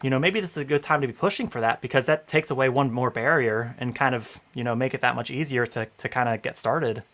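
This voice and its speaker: Speaking quickly into a headset at home, this man in his thirties runs a laid-back livestream. His mid-range voice has a slight brightness, his mood is upbeat, and "you know" crops up constantly.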